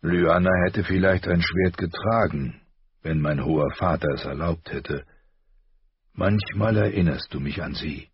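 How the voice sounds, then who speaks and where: Eddard Stark: a man doing a grave gentle father, deep and slow. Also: slightly rough, no room sound, highs cut off, exaggerated voice. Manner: slow, soft-spoken, weighty. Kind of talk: audiobook character voice.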